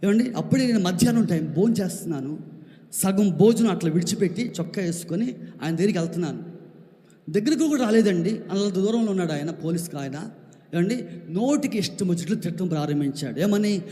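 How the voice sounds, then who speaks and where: Preaching with a long reverb tail behind him, a pastor from Andhra Pradesh, India, speaks briskly in a high voice with lively intonation. His sermon mixes personal testimony with questions thrown at the congregation and rises to shouting.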